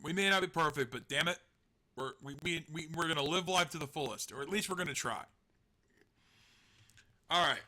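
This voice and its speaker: Speaking at normal speed with frequent pauses, the live stream host has a fairly high, pushed, bright voice. His chat is rambling and casual, full of self-deprecating humor, frequent laughter, and the occasional swear.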